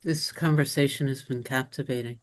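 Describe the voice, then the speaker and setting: A woman's voice: a bass voice, fairly even intonation, normal speed. A woman taking part in a spiritual discussion group over a video call, earnest and thoughtful, searching for her words. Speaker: group participant.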